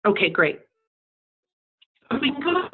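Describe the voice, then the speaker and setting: A woman giving a webinar lecture over a crackly phone line that fades in and out, speaking in a measured way with frequent ums and restarts. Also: sits high, very animated. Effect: crackly phone line, fading in and out. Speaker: invited presenter on a webinar. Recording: tinny phone-line audio.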